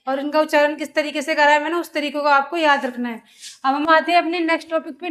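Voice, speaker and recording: A woman with a high voice leads a slow reading lesson for children. She spells each syllable aloud before joining them into a word, and keeps asking the class questions as she goes. The pace is unhurried and deliberate. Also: a bit bright. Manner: sounds out syllables, then blends them into words; asks rhetorical questions of the learners. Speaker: Hindi teacher.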